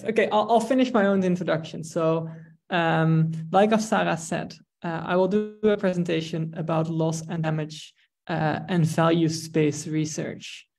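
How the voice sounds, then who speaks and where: A man from the Netherlands, giving an online research presentation over a video call, measured and full of ums. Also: a little high, vocal fry, darkish tone. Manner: measured, with frequent ums and restarts.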